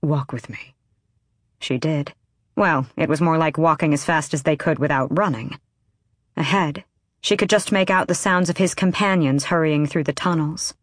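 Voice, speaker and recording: A woman narrating a fantasy audiobook in a measured, even storytelling manner. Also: deep voice, no room sound, clean studio sound. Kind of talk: scripted narration.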